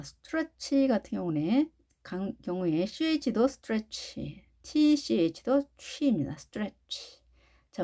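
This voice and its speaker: A woman teaching English phonics to adult learners, patiently explaining each sound and modelling the words slowly one by one. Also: medium pitch, dark tone. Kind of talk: slow, careful phonics lesson.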